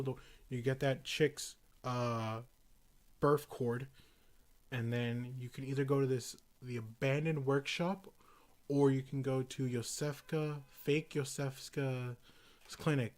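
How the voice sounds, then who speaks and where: A man's voice: mid-range voice, darkish tone. A young man casually chatting as a podcast co-host, rambling with lots of fillers and breaking into silly voices. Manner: rambling, filler-heavy, acts out game characters in silly voices. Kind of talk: casual chat.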